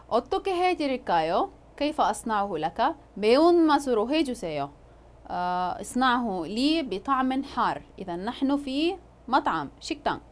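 A woman teaching a language lesson, explaining words patiently and pausing often with drawn-out fillers. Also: mid-range voice.

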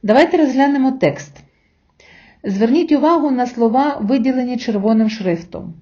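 A woman teacher giving a recorded language lesson, explaining slowly and patiently and pausing so learners can repeat after her. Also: fairly high pitch, dark tone, dull audio. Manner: slow, patient explaining with pauses for repetition. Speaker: Spanish teacher.

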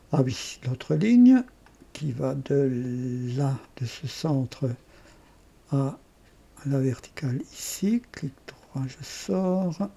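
A man with an Alsatian accent walking through a software tutorial, thinking aloud, correcting himself and adding chatty asides. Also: medium pitch, creaky, slightly rough. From Alsace. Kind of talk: screen-recorded software tutorial.

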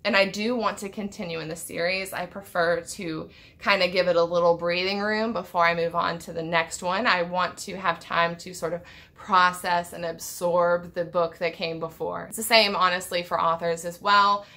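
A woman's voice: fairly low pitch, steady tone, normal speed, pushed and bright. A woman in her thirties chatting unscripted on a home vlog, thoughtful and rambling, often restarting her sentences. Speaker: book vlogger. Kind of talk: unscripted book tag vlog. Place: home room with packed bookshelves.

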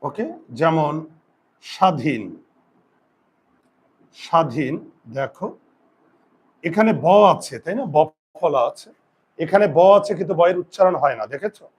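A male teacher with a fairly high voice leads a classroom grammar lesson. He puts questions to his students and answers them himself. He slows right down to dictate each rule for them to write down. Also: lively intonation, slightly rough. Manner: slow deliberate dictation of rules.

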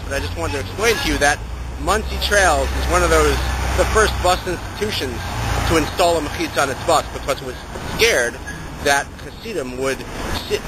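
A young man with a fairly high voice delivers a wry, rambling satirical rant like a mock street reporter. He holds the camera at arm's length outdoors, and clear city street noise runs behind him. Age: young adult. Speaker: vlogger. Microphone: handheld camera at arm's length.

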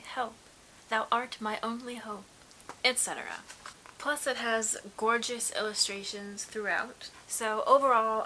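A chatty woman reviews books in a casual vlog, upbeat and eager. Her voice is bright and clear, with a faint hiss behind it. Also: medium pitch, low-quality recording. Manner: chatty and upbeat, with frequent "really". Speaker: book vlogger. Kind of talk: casual book review and giveaway.

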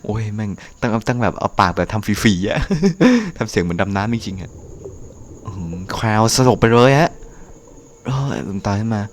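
A man giving casual let's-play commentary, excitable, with quick exclamations and playful jokes. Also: fairly low pitch, slight background noise. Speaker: gameplay commentator.

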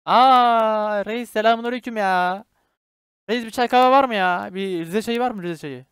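This young man with a Turkish accent excitedly commentates on a shooter he's playing, cursing and joking with his squad while pleading for subscriptions. His voice sits high and clean at a moderate pace, in a dry recording.

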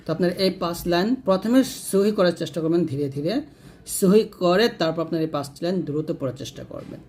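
A man teaching Quran reading, spelling out each letter and vowel mark slowly, then joining them and pointing out common mistakes. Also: sits high, a little mellow, a little hiss or hum. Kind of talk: slow syllable-by-syllable spelling lesson.

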